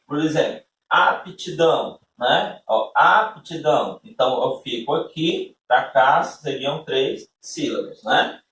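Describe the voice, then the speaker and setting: A medium-pitched, fairly bright male voice delivers a recorded classroom-style lesson at a measured pace, far from the mic. He explains patiently one step at a time and keeps checking in with listeners using tag questions. The room is echoey and there is a little hiss or hum.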